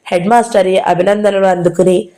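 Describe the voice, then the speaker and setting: A woman's voice: medium pitch, steady tone, moderate pace, warm tone. Woman reading a novel aloud. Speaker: audiobook narrator.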